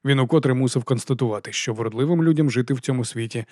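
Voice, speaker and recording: A man reading an audiobook novel in a measured, expressive way. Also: mid-range voice, dry recording, studio quality. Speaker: audiobook narrator. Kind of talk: scripted narration.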